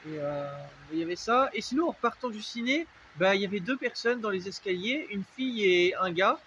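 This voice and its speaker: A man's voice: high voice, lively intonation, fairly quick, fairly bright tone, dull audio, a little hiss or hum. A young man from France with a French accent, chatting loosely in a casual vlog, rambling with lots of fillers and restarts. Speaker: vlogger. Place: dark unlit spot, vehicle noise around.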